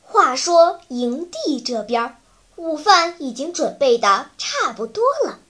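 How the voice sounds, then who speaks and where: A woman reading a children's story aloud with playful, animated narration. Her voice sits high and bright, swinging widely in pitch at an unhurried pace.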